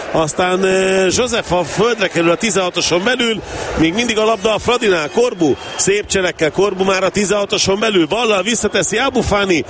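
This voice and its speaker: Casting: man for live Hungarian sports commentary, high-pitched and excitable, heard over loud stadium noise. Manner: excitable, shouting at key chances. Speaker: football match commentator. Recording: noisy stadium, crowd roar behind. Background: stadium crowd and outdoor ambience.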